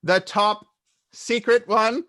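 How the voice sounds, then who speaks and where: A man's voice: fairly high pitch, wildly swooping pitch, unhurried, a bit bright, no room sound, studio quality, exaggerated voice. A man reading the part of a pompous young male wizard official with a self-important, emphatic delivery, in an amateur group read-aloud.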